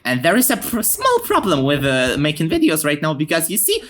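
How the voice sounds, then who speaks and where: A man's voice: a little high, huge pitch swings, brisk, a bit bright. A man from Ukraine, narrating a history video in a casual, sarcastic, profane way and laughing at his own jokes.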